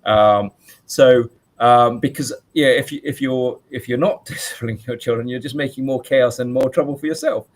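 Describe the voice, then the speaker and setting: A forty-something teacher, late in that decade, talks loudly through an interview, answering in a conversational manner full of fillers and restarts. The voice is mid-range and the pace moderate.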